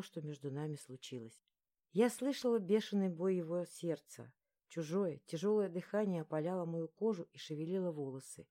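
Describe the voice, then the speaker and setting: Soft-spoken woman narrating a romance. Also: sits low. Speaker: audiobook narrator. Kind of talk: first-person romance narration.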